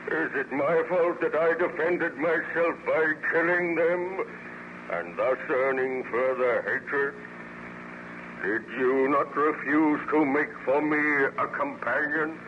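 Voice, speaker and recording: Male actor as outcast monster, formal and declamatory, slow delivery with dramatic pauses, vintage dull radio sound. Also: mid-range voice, lightly acted. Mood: bitter reproach. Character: artificial monster, lonely outcast pleading bitterly for friendship. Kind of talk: 1930s-40s radio serial acting. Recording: noisy muffled old radio recording.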